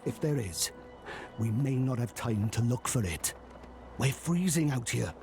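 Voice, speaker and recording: A man's voice: medium pitch, lively intonation, unhurried. A man voicing a worried, prickly male officer in a game, hesitant in his speech. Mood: urgent. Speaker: expedition officer acting as medic. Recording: game audio with clear music behind.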